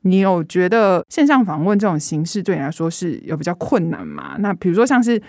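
A woman's voice: fairly low pitch, sing-song, fairly quick, darkish tone, no echo, clean studio sound. A woman with a Taiwanese Mandarin accent, interviewing a guest conversationally as an engaged podcast host.

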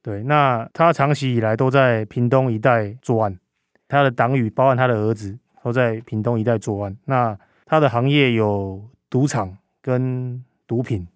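A man's voice: medium pitch, moderate pace, clear, resonant tone, dry recording, studio quality. A man with a Taiwanese Mandarin accent recounts a case conversationally as a reporter, speaking through a face mask. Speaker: crime reporter as podcast guest.

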